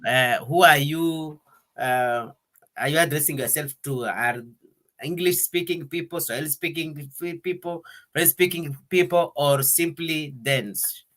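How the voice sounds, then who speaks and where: This Congolese man hosts a conversational interview in Denmark, speaking in a relaxed, hesitant way full of fillers and restarts. He now and then slips from English into French. His voice sits a little high, and the audio quality is poor.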